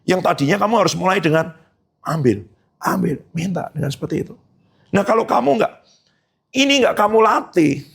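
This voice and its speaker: Gravelly pastor guy preaching, kinda high voice, chatty, punches up his points. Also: lively intonation, brisk, fairly bright tone. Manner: conversational preaching with rising emphatic pitch and quoted dialogue. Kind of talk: sermon.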